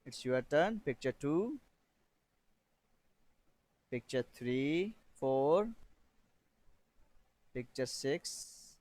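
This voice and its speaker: A man teaching a beginner English lesson, reading drill sentences slowly and repeating phrases for learners to copy. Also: mid-range voice, expressive, a little mellow, rough recording.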